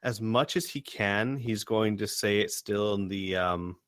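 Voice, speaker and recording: A man's voice: lowish voice, a little slow, a bit bright, clear, resonant tone, no room sound, studio quality. A man playing a tabletop role-playing game, chatting casually and thinking aloud as he describes his moves.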